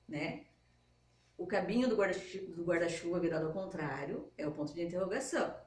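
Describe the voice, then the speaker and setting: A woman's voice: mid-range voice, a little mellow. A woman teacher giving a patient, step-by-step lesson to schoolchildren. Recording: echoey room, mic at a distance.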